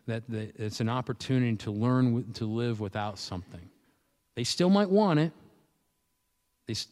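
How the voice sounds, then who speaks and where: A man's voice: mid-range voice, darkish tone. A man preaching a sermon as pastor, conversational, with frequent restarts and repeated words. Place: church. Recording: echoey church hall.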